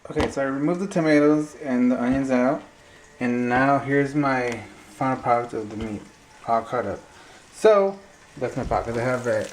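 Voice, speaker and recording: A man's voice: medium pitch, poor audio. A man giving a casual, chatty cooking tutorial, talking viewers through each step informally. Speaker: home cook presenting a recipe. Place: indoor kitchen at the stove. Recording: clear sizzling kitchen noise. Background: frying, sizzling and stirring.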